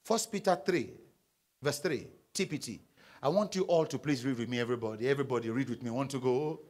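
A young man with a Nigerian English accent preaching a sermon on a church stage into a handheld mic, calling on the congregation to read along and answer back. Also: fast talker. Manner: call-and-response preaching, prompting the congregation to read aloud; paces the stage, swings between loud emphasis and low asides. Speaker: pastor. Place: large church auditorium stage.

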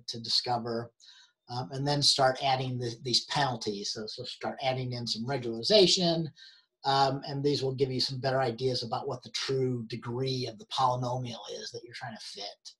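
A man instructor talks through an online help session at a middle pitch. He stumbles and restarts often, filling gaps with ums. His voice is wearing out. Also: fairly even intonation, a bit bright. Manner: halting, many fillers and restarts. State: losing his voice. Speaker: university instructor.

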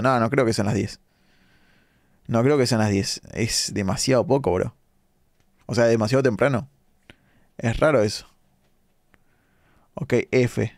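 A young Argentine man with a Rioplatense accent and a medium-pitched voice talks casually through a late-night game stream. He reads viewer comments aloud and keeps up a chatty stream of asides. The sound is dry and close, with no room echo. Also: gravelly. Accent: Rioplatense Argentine Spanish. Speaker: live-streaming gamer. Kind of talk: casual live-stream commentary reading chat.

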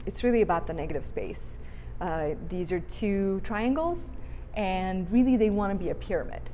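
A woman in her thirties talks through her sculptures in a reflective, unhurried way, pausing often to find her words. She is recorded in a large art gallery with a long, spacious reverb and a faint hum underneath. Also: medium pitch, expressive, warm tone. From Bulgaria. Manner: thoughtful, reflective, with frequent fillers. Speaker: artist. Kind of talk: gallery interview.

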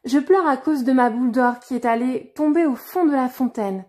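A woman gives voice to a spoiled young princess in a storybook, haughty and easily scared. The voice sits a little high but stays mellow and warm. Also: moderate pace, close to an everyday voice. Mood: scornful. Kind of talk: storybook reading.

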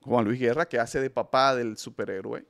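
A man's voice: mid-range voice, normal speed, gravelly, fairly bright tone. A man hosting a film review show, giving opinionated casual commentary and speaking emphatically to his listeners, often restarting his sentences. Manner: emphatic, addresses listeners directly, frequent restarts.

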